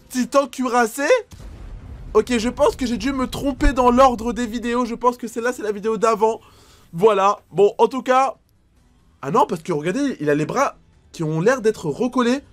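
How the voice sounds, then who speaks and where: Very high-voiced excitable man. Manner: excitable, frequent exclamations and startled gasps. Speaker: YouTuber reacting to videos. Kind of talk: excited reaction commentary.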